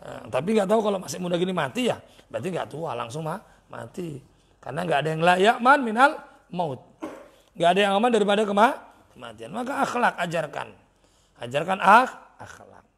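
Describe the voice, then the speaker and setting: A man's voice: high-pitched, a little fast, creaky, husky. A young man preaching a casual religious lesson, acting out little dialogues and quizzing his listeners. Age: young adult. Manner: animated storytelling, acts out dialogue, asks audience questions. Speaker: preacher teaching at an Islamic boarding school.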